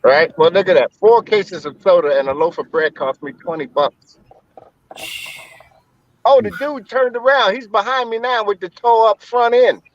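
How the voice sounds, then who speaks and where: An American man with a high voice trades crude jokes while he drives. The sound is dull and lo-fi. A faint hiss sits under his voice. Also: normal speed. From United States. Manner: crude, joking banter with laughs. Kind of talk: casual chat while driving. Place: in a car.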